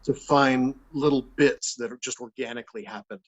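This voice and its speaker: Halting man with a medium-pitched voice. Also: steady tone, lo-fi sound. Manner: halting, searching for words, often repeating them. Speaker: puppeteer and voice actor, interview guest. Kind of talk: casual interview talk.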